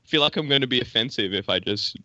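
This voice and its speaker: A man's voice: medium pitch, expressive, fast talker, bright, forceful tone, no echo, lo-fi sound. An Australian man with an Australian accent, a guest musician chatting casually, laughing often and swearing easily. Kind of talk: casual interview chat.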